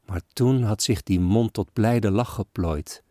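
A man giving a solemn, expressive recitation of an old-fashioned story poem. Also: on the low side, a little slow, no room sound, clean studio sound. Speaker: reader. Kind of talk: dramatic poetry recitation.

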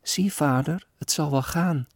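A man voicing a feverish, frail poor little girl who pleads softly in a storybook poem. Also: fairly high pitch, unhurried, dry recording, clean studio sound, pitched above the performer's own voice. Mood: pleading.

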